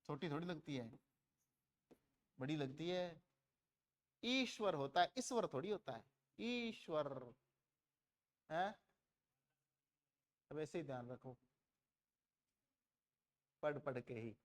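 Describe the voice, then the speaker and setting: High-voiced male grammar teacher. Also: lively intonation, slow pace, long pauses. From India. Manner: asks students questions and answers them himself; repeats words to contrast vowel lengths. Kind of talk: classroom grammar lesson.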